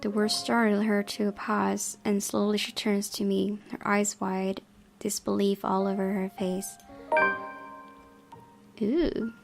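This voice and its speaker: Slow and gravelly, this medium-pitched female voice has a flat delivery. She's a gaming host giving a dramatic, expressive read-aloud of a visual novel over guitar music, tripping over words now and then.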